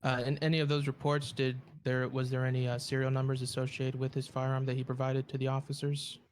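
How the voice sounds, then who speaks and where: A man role-playing a prosecutor, formally addressing a court with somewhat halting phrasing. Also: medium pitch, completely flat delivery, slight background noise. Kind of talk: improvised courtroom role-play.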